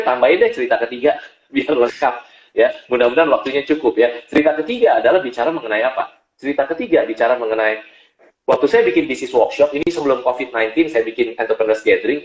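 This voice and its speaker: A man, a business coach, telling stories lively in an interview and acting out the voices of the people he quotes. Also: medium pitch, fast. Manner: animated storyteller, acts out quoted voices. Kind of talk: storytelling interview talk. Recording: echoey, dull-sounding room.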